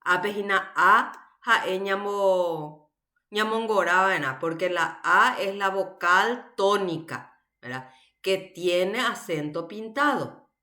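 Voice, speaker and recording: A woman's voice: mid-range voice, slow, bright, forceful tone. A woman teaching a university language class online, explaining patiently and checking in with her students.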